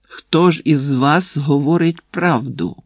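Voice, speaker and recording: A man voicing a stern, commanding old prince who interrogates prisoners, with a husky voice in a dry recording. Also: on the high side, measured pace, darkish tone, dry recording. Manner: commanding, barking orders.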